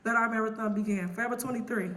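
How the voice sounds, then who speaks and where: A woman's voice: fairly high pitch, steady tone, rapid-fire, heavy background noise. A woman from Chicago performing a spoken word poem with an emphatic, rhythmic refrain. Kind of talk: spoken word poetry recital.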